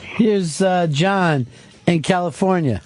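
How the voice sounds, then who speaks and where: A man's voice: sits high, takes it slowly, darkish tone, dry recording. A man hosting a radio call-in show, joking crudely and bantering with callers. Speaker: radio show host taking calls. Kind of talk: casual radio call-in chat. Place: radio studio.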